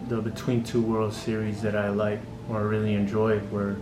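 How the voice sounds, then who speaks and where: A young man from California's Central Valley talks haltingly about his studies, pausing on frequent ums. His voice is fairly low and stays level. He sits back from the mic in a roomy space, with music playing underneath. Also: monotone, distant mic. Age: young adult. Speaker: community college student giving a testimonial. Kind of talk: unscripted testimonial.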